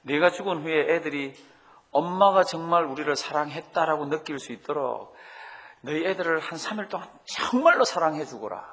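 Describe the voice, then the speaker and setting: A kindly, fatherly God speaks slowly and softly to a weary woman, as a male pastor puts him on. The voice stays warm and unhurried, with a long church reverb around it. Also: on the high side, lively intonation. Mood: gentle.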